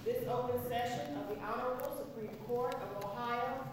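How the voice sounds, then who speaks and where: A woman court marshal calling out a formal, drawn-out ceremonial proclamation in the manner of a town crier. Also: a little high. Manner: town crier style called-out announcement, drawn-out. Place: large courtroom. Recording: distant, very echoey, noisy courtroom hall.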